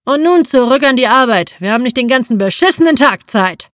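A woman's voice: fairly high pitch, animated, fairly quick, a bit bright, no echo, clean studio sound, voice pushed up. Audiobook heavy: sadistic taskmaster, jeering threats, voiced by a woman. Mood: gruff. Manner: sneering and threatening. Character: brutal sadistic male overseer, mocking.

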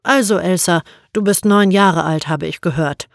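A woman doing a gentle male police officer. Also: lowish voice, normal speed, creaky, no room sound, clean studio sound.

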